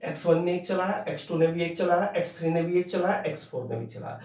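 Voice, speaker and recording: A man teaching a math lesson, repeating each point slowly and telling students to listen closely. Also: on the high side, fairly even intonation, darkish tone, roomy sound, recorded from a distance. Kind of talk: classroom lecture.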